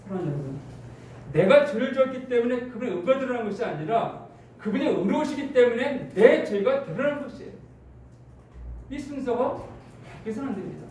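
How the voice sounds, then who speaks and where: High-voiced preacher in an echoing hall. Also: male voice, lively intonation, brisk, a little mellow, slight background noise. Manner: preaching with spoken illustrations and quoted dialogue. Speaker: pastor. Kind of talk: sermon. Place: church sanctuary. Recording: echoey church hall, mic at a distance.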